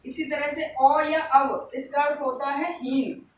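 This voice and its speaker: Woman teacher, high voice, slow and repetitive, very echoey room, a bit off-mic. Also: fairly even intonation, recorded from a distance, slight background noise. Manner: slow, repeats each word for emphasis. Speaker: Hindi teacher. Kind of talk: exam-prep grammar lesson.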